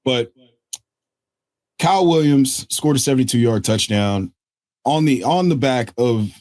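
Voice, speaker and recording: A man hosting a casual fantasy football waiver breakdown, excitable and joking, correcting himself on the fly. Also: medium pitch, no room sound, clean studio sound. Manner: excitable, joking asides, quick self-corrections. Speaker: fantasy football analyst host. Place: at a desk indoors.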